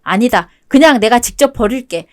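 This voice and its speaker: Woman reading a web-toon radio drama, cold and sharp, kinda high voice. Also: animated, normal speed. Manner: cold, cutting. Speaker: narrator.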